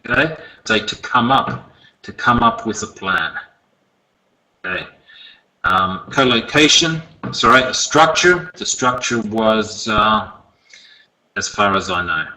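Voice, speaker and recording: A man teaching an online English lesson over a video call, relaxed and encouraging, often checking in with "okay?". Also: on the low side, takes it slowly, long pauses, slight background noise, low-quality recording. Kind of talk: online lesson, recapping and giving homework.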